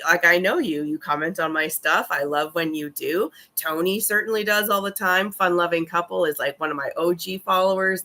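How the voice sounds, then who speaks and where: A woman with a raspy, hoarse voice from a cold, chatting casually and swearing on a live stream. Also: fairly low pitch, sharp tone. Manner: chatty and profane, many fillers.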